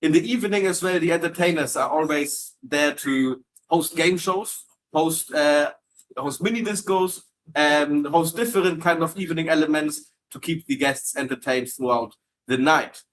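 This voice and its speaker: In this low-quality recording with a faint hiss or hum, a man from Germany chats on a live stream, answering questions about working in hotel entertainment. His voice sits a little high and fairly bright, at a moderate pace. He stays friendly but stumbles through restarts and fillers, echoing words while reading viewer comments.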